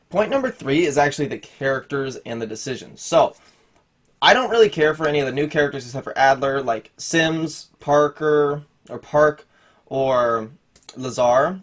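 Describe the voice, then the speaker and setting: A young man hosting his own gaming channel, reviewing a game's story in a casual, rambling way, with lots of "like"s and restarts. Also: medium pitch. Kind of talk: casual video game review.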